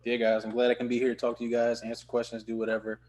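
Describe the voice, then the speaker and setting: A man's voice: medium pitch, completely flat delivery, very fast, a little mellow. A man in his twenties, a guest on a casual podcast, laid-back with short replies and laughter. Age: 20s. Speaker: guest video producer.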